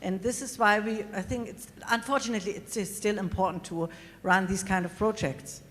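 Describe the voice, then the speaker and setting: A woman answers audience questions on a conference panel in a measured, thoughtful way. A long hall reverb surrounds her voice, with faint room noise behind it. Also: medium pitch, fairly even intonation, fairly bright tone. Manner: measured, thoughtful, some pauses.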